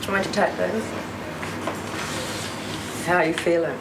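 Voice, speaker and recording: A woman's voice: on the low side, steady tone, moderate pace, vocal fry, very noisy. A woman talking casually. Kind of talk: casual chat. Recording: loud music behind the voice.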